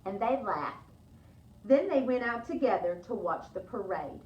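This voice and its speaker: A woman's voice: mid-range voice, measured pace. A woman librarian reading a story aloud to children at story time, asking her listeners questions along the way. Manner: animated, asks listeners questions. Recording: echoey room, dull sound.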